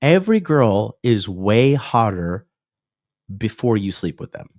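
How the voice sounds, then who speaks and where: A male dating coach in his thirties gives a whiteboard lecture on a livestream, reading and answering viewer comments and dotting his points with "okay?" and "right?". His lowish, darkish voice is sing-song and measured, captured in a clean studio with no room sound.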